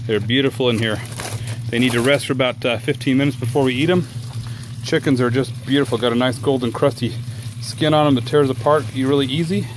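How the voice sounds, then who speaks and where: A man's voice: mid-range voice, brisk, background noise. Enthusiastic man at his backyard grill. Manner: relaxed and enthusiastic, many fillers. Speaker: home cook reviewing his new smoker. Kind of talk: casual talk to camera. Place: outdoors at home by the grill.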